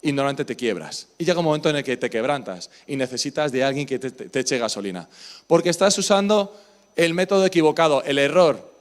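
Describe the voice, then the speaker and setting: A man's voice: on the high side, lively intonation, quick pace. Man preaching a conversational sermon. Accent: Spain Spanish. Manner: conversational, asks the congregation questions. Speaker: pastor. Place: church service.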